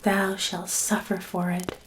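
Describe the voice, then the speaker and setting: A woman voicing a stern fairy-tale enchantress in a soft, breathy voice, with archaic, admonishing speech. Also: medium pitch, completely flat delivery, slow, lightly acted, poor audio. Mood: angry.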